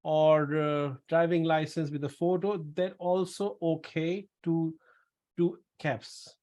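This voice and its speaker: Man from Pakistan hosting a webinar, higher voice. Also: little pitch movement, takes it slowly, darkish tone. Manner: repeats words, explains at length. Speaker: webinar host, pharmacist. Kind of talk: casual webinar Q&A.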